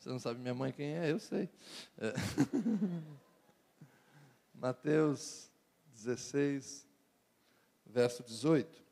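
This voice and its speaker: A man's voice: medium pitch, moderate pace, vocal fry, long pauses, warm tone. A middle-aged man with a Brazilian Portuguese accent, a pastor giving a sermon to young people, speaking conversationally with jokes and repeated phrases. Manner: conversational preaching with jokes and rhetorical repetition.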